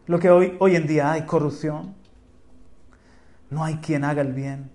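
A man's voice: a little high, fairly even intonation, measured pace, dark tone. A man with a Spain Spanish accent preaching an impassioned sermon as pastor, rising to exclamations.

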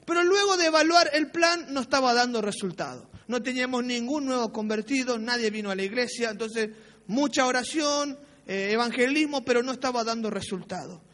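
A man's voice: very high voice, fairly quick, fairly bright tone. A man preaches a sermon, recounting his own past in an anecdotal, self-mocking way. He keeps checking in with his listeners through short tag questions. His voice trails off into the long reverb of a church hall. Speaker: pastor. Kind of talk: sermon with personal storytelling.

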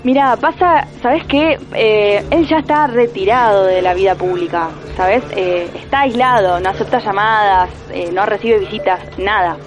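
An actress playing a guarded grown daughter who talks evasively and hesitantly, heard over a landline phone. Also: female voice, mid-range voice, moderate pace, hardly any pauses, over music. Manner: evasive, hesitant, full of fillers. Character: guarded adult daughter shielding her father. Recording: dull muffled phone line.

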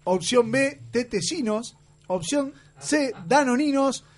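A Uruguayan man with a Rioplatense accent co-hosts a radio quiz, reading out the options. His voice is fairly high and swings a lot in pitch, teasing and quick to laugh. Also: expressive. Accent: Rioplatense Spanish, Uruguayan. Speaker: radio co-host. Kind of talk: casual banter, reading quiz questions.

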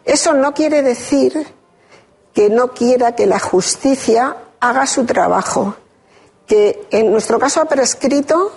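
A woman giving an interview, telling a deeply personal story in a measured, reflective way with hesitant restarts. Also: creaky, darkish tone, slightly rough. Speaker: interview guest. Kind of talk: emotional personal testimony.

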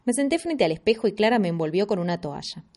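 A woman reading a children's story aloud with expressive, animated narration. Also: medium pitch, quick pace.

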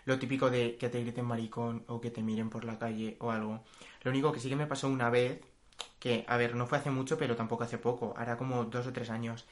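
A man's voice: mid-range voice, little pitch movement, fairly quick. Young man, podcast guest, laid-back conversational delivery. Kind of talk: casual chat.

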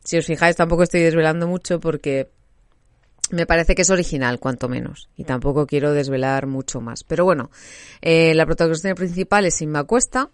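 A woman chatting casually as a podcast co-host, talkative and quick to laugh, with lots of fillers. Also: low voice, steady tone, dry recording, studio quality. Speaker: podcast co-host reviewing a series. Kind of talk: casual chat.

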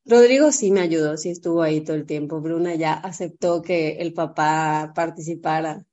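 A woman in her thirties with a Mexican accent, telling a parenting story in a casual chat and acting out quotes in a higher voice. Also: moderate pace, dull audio. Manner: animated, acts out quotes in a high voice, swears freely.

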